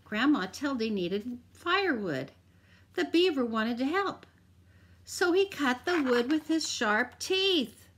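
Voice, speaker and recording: Slow, lively woman reading a picture book. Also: sits high, breathy edge. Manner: expressive, drawn-out emphasis, asides to kids. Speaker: teacher reading aloud. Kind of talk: children's read-aloud.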